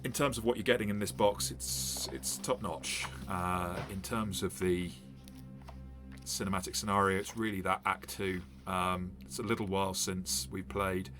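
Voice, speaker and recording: Over music, a man who runs tabletop games chats loosely while opening a game set, full of fillers and false starts. He reviews games too, and speaks low-pitched at a normal speed with fairly even intonation.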